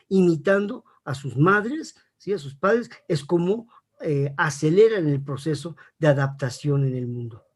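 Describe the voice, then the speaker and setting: A man answering an interview question in a didactic, measured way, often checking in with his listeners and pausing with hesitations. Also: on the high side, a little mellow. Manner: didactic, checks in with frequent rhetorical tags. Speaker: interview guest, academic expert.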